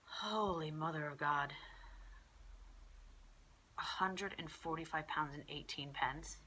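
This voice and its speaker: This pregnancy vlogger, a young woman from the south of England, has a congested cold and rambles in an exasperated, casual way packed with fillers. She speaks slowly in a deep, bright, forceful voice, with a little hiss or hum on the recording.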